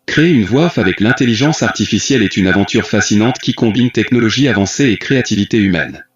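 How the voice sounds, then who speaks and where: A synthetic male voice-over, as voiced by a man reads in a flat, steady narrator tone. The sound is dull and lo-fi, like a clip played back through speakers. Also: lowish voice, quick pace, lightly acted. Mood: even. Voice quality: synthetic text-to-speech. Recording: dull lo-fi playback of a demo clip.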